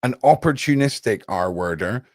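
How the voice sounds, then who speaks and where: A man hosting a casual live discussion, explaining his points haltingly with repeated words. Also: medium pitch, animated, no room sound, clean studio sound.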